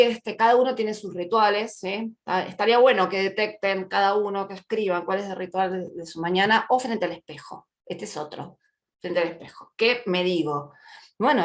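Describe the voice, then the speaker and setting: Woman in her fifties teaching a workshop. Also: mid-range voice. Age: 50s. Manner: conversational, asks "¿sí?" often, acts out little quoted scenes. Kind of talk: live online workshop talk.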